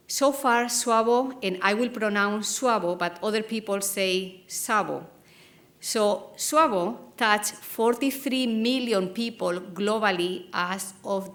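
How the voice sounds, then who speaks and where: A woman from Spain with a Spanish accent, giving a conference presentation in a deliberately slow, careful way, with frequent pauses and ums. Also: mid-range voice, a bit bright. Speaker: conference speaker. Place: lecture hall.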